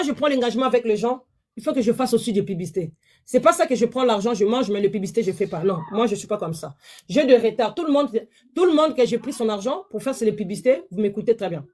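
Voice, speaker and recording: A woman, hosting a live-stream sales pitch from her phone, chatty and repetitive, pleading with viewers. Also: expressive, fast talker, a little mellow. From DR Congo.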